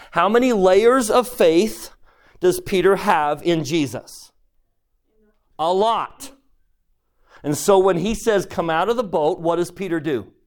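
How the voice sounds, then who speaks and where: A man leads a scripture lesson at an unhurried, deliberate pace. His voice sits a little high for a man, and he keeps turning to his listeners with questions. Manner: asks the audience questions, slow and emphatic. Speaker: church teacher.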